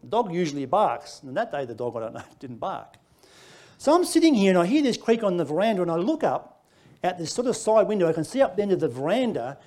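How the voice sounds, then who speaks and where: A middle-aged Australian man preaching, telling a personal story with lively, laughing delivery. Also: high voice, fast talker. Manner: animated storytelling, laughing through lines. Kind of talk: sermon testimony.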